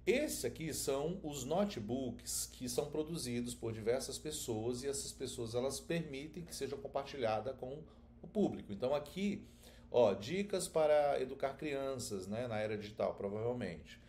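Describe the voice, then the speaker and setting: A male teacher, walking viewers through a screen-share tutorial. His voice is mellow and relaxed, and his delivery is chatty and informal, full of little check-ins with the audience. A faint hiss of background noise sits under it. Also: mid-range voice, moderate pace. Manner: informal, addresses viewers directly, frequent filler checks.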